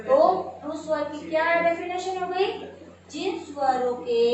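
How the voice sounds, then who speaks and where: A young woman teacher explaining a lesson, asking questions and answering them herself, repeating key terms. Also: high-pitched. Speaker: school teacher. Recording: echoey room, voice far from mic, audible noise.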